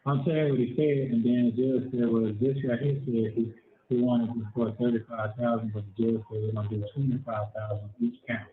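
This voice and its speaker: A man talking on a prison phone line, halting and repeating himself. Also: mid-range voice, little pitch movement. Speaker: inmate on a jail call. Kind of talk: phone conversation. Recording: tinny echoey prison phone line, faint noise.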